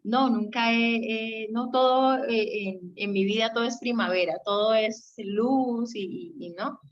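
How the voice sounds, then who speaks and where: Speaking a little slowly in a fairly high voice, the young Colombian guest on a marriage radio segment explains ideas in a conversational teaching style, checking that listeners agree. The audio is lo-fi and slightly dull.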